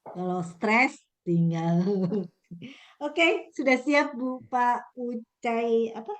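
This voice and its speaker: A woman's voice: on the high side, very slow. A woman instructor giving casual, chatty talk in an online class, laughing often, heard over a video call.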